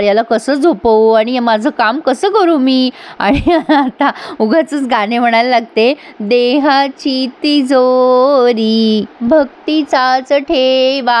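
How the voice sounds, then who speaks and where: A woman narrating a recap of a TV serial episode, acting out each character's lines with lively emphasis. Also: a little high. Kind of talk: voice-over recap acting out dialogue.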